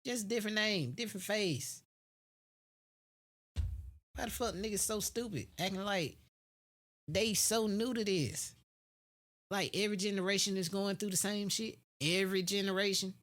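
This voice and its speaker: Blunt, profane American speaker, medium pitch. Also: normal speed, pauses often, a bit bright. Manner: blunt, heavily profane, slangy; repeats phrases for emphasis. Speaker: podcast host. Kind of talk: unscripted opinion monologue, casual street talk.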